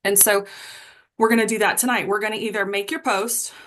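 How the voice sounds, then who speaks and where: A woman's voice: mid-range voice, fairly even intonation, brisk, a bit bright. Chatty woman giving a pep talk. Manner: chatty, rambling and self-deprecating. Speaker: team leader on a wellness sales call. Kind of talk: casual motivational pep talk. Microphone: video call.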